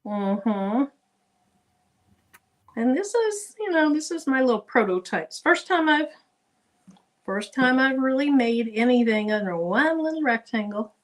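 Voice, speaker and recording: A woman's voice: on the high side, lively intonation, a little slow, pauses often. A woman talking casually over a video call while she works on a craft project, thinking aloud as she goes. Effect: heard over a video call. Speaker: guest crafter. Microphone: computer microphone on a video call.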